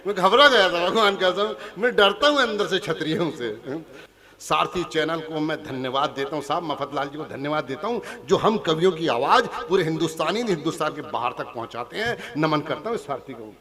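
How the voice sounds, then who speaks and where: On stage in a large hall before a live audience, a Punjabi comic poet performs his verses and teases the crowd directly. His voice is a little high with lively intonation and a moderate pace, and the crowd is audible in the live recording.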